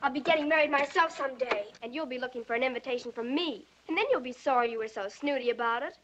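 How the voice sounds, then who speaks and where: Sarcastic teen sister, very high voice, played by an actress, hissy old soundtrack. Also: female voice, fast, highs cut off, lightly acted. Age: teens. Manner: teasing, sarcastic. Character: cheeky teenage younger sister, teasing. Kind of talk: 1940s film acting. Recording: noisy old film soundtrack.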